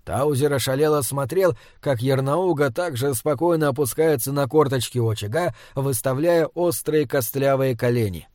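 A man narrating a fantasy audiobook in a steady, even reading voice. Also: medium pitch, moderate pace, few pauses, dry recording, clean studio sound.

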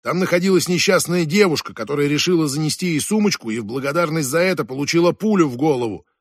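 A man voicing a gruff middle-aged police inspector who talks brusquely and impatiently on the phone in an audiobook. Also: on the high side, expressive, quick pace, dry recording, studio quality. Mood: stern. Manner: brusque, impatient, calls the other fool.

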